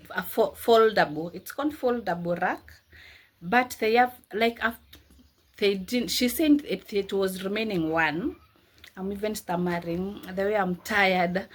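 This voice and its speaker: A woman, talking casually to her viewers in a rambling, chatty home vlog and calling them "guys" often. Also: mid-range voice. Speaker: vlogger.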